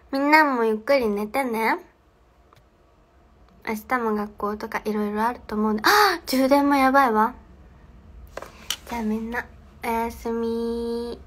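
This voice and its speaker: This is a young woman hosting a livestream from her home, speaking into her phone. Her voice sits a little high, and her talk is loose, casual chat. She reads out viewers' comments and replies to them as she goes. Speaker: livestream host. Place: home, indoors.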